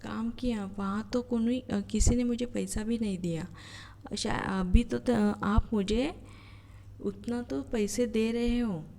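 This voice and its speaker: A woman reading aloud the lines of a timid, frightened young woman worker in a slow, soft voice. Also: on the high side, fairly even intonation, gravelly, long reverb tail.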